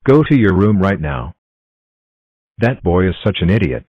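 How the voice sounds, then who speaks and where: A male text-to-speech voice plays a bossy boy who scolds and accuses in a cartoon. He repeats his words over and over in a very deep synthetic voice. The sound is dry and dull. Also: very animated, normal speed, breathy edge, dry recording, exaggerated voice. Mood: furious. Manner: shouting repetitions, scolding.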